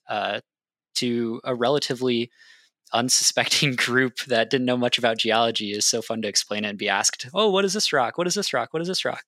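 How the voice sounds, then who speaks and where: Young adult man, eager explainer, bright and dry, casual interview guest. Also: mid-range voice, no echo. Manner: enthusiastic, explanatory, filler-heavy. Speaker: guest geologist.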